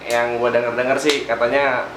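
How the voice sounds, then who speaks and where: A man's voice: medium pitch, flat delivery, normal speed. Slangy Jakarta-area man hosting, echoey noisy room. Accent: Jakarta-area Indonesian. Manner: slangy, bantering, echoes guest's answers. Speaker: host. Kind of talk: casual chat interview. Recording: echoey room with clear background noise.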